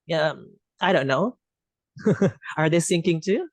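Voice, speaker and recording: A man's voice: a little high, lively intonation, takes it slowly, no echo. A man talking in a casual online group discussion, rambling with many "you know" fillers and joking asides. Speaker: discussion participant.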